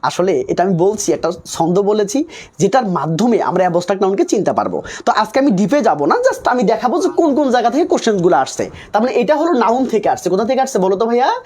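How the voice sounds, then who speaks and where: Fast, husky tutor. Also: male voice, sits high, big pitch swings, a little mellow. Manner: coaxing, keeps repeating and quizzing students. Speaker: English tutor for nursing exams. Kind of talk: live online class.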